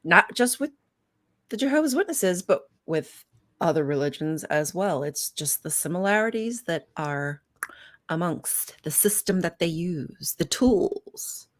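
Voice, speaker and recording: Woman cohosting a podcast, lower voice, chatty and upbeat, encouraging her cohost. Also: expressive, a little slow. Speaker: podcast co-host. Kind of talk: casual podcast chat.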